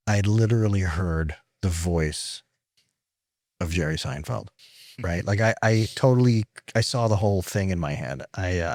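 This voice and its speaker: A man hosting an interview, animated and playful, asking probing questions. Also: low-pitched, dry recording, studio quality. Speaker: podcast host. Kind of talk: conversational interviewing.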